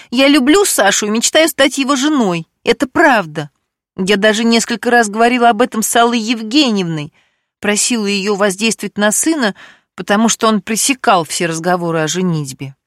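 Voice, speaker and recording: A woman voicing a tearful, desperate young fiancée who pleads in a high, crying voice in an audiobook. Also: expressive, normal speed, dry recording, studio quality, lightly acted. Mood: pleading.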